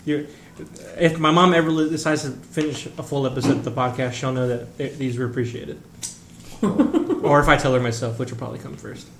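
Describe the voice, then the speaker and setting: A man's voice: mid-range voice, fairly quick, slight background noise. A man hosting a casual podcast chat among friends, joking and laughing at himself. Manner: laughing, self-mocking. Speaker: podcast host. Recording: roomy echo.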